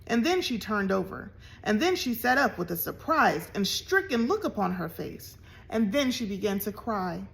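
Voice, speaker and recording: A woman reading a children's novel chapter aloud in an expressive storytelling way. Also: mid-range voice, moderate pace, gravelly. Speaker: reader.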